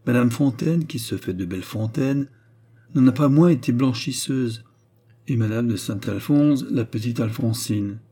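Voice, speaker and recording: In an audiobook reading, a man plays a baronet of roughly thirty who schemes and mocks, lifting his voice so it comes across smooth, teasing and coldly calculating. His pitch is medium, his pace measured, and his tone mellow.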